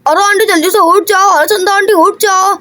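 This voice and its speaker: A woman's voice: very high-pitched, steady tone, normal speed, bright, forceful tone. A woman voicing a cheeky young village boy in a cartoon, teasing and chatty.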